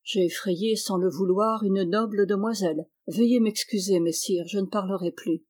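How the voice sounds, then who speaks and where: A woman reading the lines of a proud, pale young baron with a grave, measured manner. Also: mid-range voice, darkish tone, close to an everyday voice.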